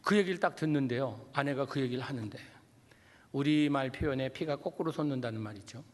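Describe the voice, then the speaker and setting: A middle-aged man from Korea, a guest pastor preaching a revival sermon, telling stories animatedly and swinging from loud to hushed. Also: mid-range voice, a little fast. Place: church sanctuary. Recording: long church hall reverb.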